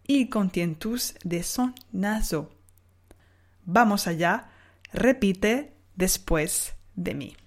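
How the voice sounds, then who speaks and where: A woman teaching Spanish on a podcast lesson, speaking slowly and drawing out model words for the listener to repeat. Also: medium pitch. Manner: slow, carefully spelled-out model words for repeating.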